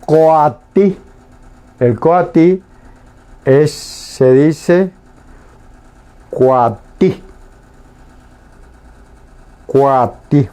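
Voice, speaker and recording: A man teaching a language lesson on the radio, saying each word slowly and repeating it twice with pauses. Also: on the high side, mellow. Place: radio studio.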